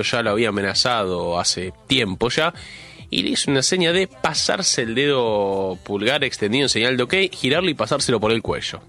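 A man with a medium-pitched, fairly bright voice and a Rioplatense Spanish accent opens his radio show from the studio. Stuffed up with a cold, he delivers a chatty monologue, drawing out words for emphasis.

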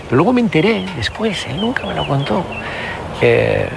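A man in his sixties from the Basque Country, Spain, appears as a politician guest in a conversational interview, reflective and full of hesitations and restarts. His voice is a little high with big pitch swings and vocal fry, at normal speed, over a noisy background.

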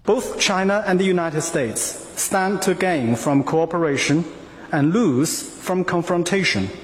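A man giving a live interpreter voice-over of a formal speech, speaking in a measured, formal way. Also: fairly high pitch, lively intonation. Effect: live interpreter voice-over of a played speech. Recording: echoey hall, faint background noise.

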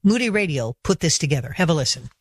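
A man with a high voice speaks in a measured, preacherly way. The sound is dry and close, like a studio. It is an earnest radio address about faith. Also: big pitch swings, dry recording. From Washington DC area.

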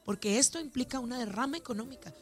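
A woman from Ciudad Juárez, Mexico, with a northern Mexican accent, is interviewed on radio or other media as a festival organizer. She's talkative and emphatic in conversation, repeating phrases for stress. Her voice is a little high and she talks fast.

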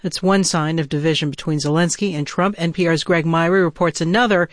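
A woman's voice: deep voice, fairly even intonation, a little fast, dry recording. Dry-sounding American woman reading news. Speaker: newscaster.

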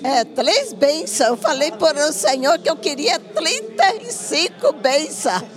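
A woman's voice: high-pitched, big pitch swings, measured pace, a crowd in the background. A woman giving a devout, grateful church testimony in simple words. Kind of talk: spoken testimony.

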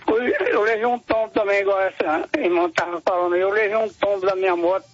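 An older man calling in to a radio program over a crackly, breaking-up cell phone line, talking in a halting, rambling way and repeating his words. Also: sits high, steady tone, slightly rough, dry recording. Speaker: caller. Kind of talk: radio call-in prayer request. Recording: muffled phone call on radio.

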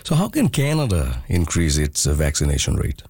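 A man from Bangladesh hosts a radio show in a very low, deep voice. He keeps his questions brief and calm, and the sound is close and dry with no room around him. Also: normal speed, gravelly, slightly rough, no room sound. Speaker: radio host. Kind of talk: radio interview and news links.

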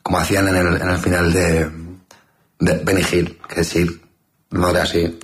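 A man in a comedic chat, rambling through mock-outraged rants and deadpan answers. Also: low voice, normal speed. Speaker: comedic guest. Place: newsroom studio.

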